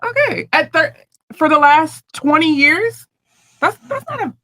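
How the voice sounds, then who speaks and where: A woman's voice: high voice, sing-song, unhurried, a bit bright, no echo. A woman in her thirties, a guest on a podcast panel, answering bluntly and offhandedly. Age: 30s. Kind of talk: casual panel talk.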